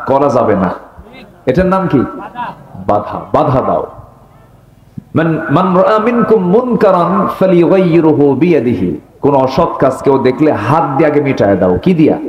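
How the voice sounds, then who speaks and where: A man preaching a sermon to a gathering, asking the crowd questions and swinging between loud stresses and low asides. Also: roomy sound, lo-fi sound. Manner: rhetorical questions to the crowd, rising and falling emphasis. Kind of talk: Bengali waz sermon.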